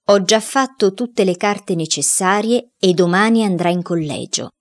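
A woman reading a storybook, voicing a stern father who speaks calmly, seriously and dryly. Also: mid-range voice, natural voice. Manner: serious, dry and measured. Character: stern calm father of a boy.

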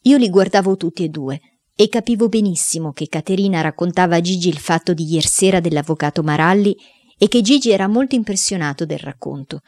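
Woman, audiobook narration, children's novel, expressive first-person reading, low voice, dry close sound. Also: fairly quick, dry recording.

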